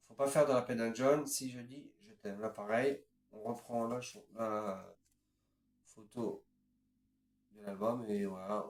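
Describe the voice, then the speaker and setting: A man in his fifties with a fairly low voice casually shows off his record collection, hesitant and chatty, going from one item to the next with lots of filler and linking them with "voilà" and "ensuite." There's slight background noise and a roomy echo.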